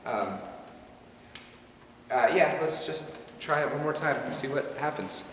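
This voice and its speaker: A man's voice: fairly high pitch, lively intonation, unhurried, noisy background. A man playing a film director in a comedy sketch, who stammers and rambles eagerly. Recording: echoey room.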